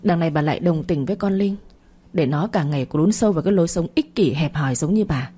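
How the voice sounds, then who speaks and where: A woman's voice: low-pitched, fast talker, dark tone, husky. A woman voicing a stern, angry middle-aged father who scolds and reproaches. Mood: scolding.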